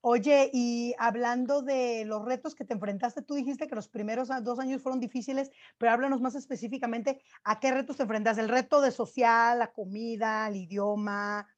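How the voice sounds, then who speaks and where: A woman's voice: fairly high pitch, steady tone, moderate pace, hardly any pauses, dull audio. A woman hosting a podcast, asking questions in a conversational way. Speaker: podcast host. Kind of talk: interview questions.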